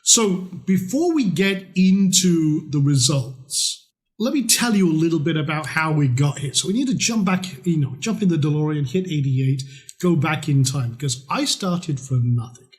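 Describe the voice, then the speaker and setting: A man's voice: a little high, lively intonation, normal speed. Blunt, chatty middle-aged man. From Scotland. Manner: chatty, blunt, with mild swearing. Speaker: trading course presenter. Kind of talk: conversational sales pitch.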